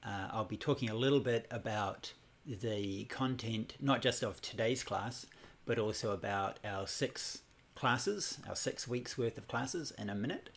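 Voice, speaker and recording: A New Zealand man in his forties teaches a Buddhism class on a casual livestream, rambling in a relaxed way with lots of fillers and restarts. His voice is lowish and a little slow, picked up by a computer or phone.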